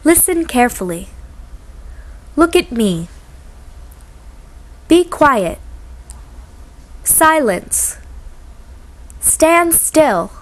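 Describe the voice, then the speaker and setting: Woman, high voice, reading short classroom commands very slowly, with careful articulation. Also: very animated. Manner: slow, clearly articulated, pausing after each phrase. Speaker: English instruction reader.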